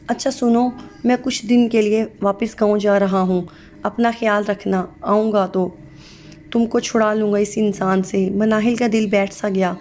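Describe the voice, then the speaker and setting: A woman's voice: medium pitch, steady tone, darkish tone, a little hiss or hum. A woman reading a sad story aloud as scripted narration, voicing every part in one plain voice.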